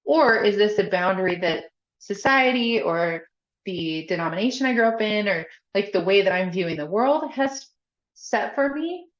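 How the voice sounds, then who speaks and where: A woman's voice: mid-range voice, animated, moderate pace. A woman guest on a podcast talking candidly in a casual chat, laughing often and saying "like" a lot. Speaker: podcast guest, faith coach. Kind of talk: casual conversational interview. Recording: echoey, slightly dull podcast audio.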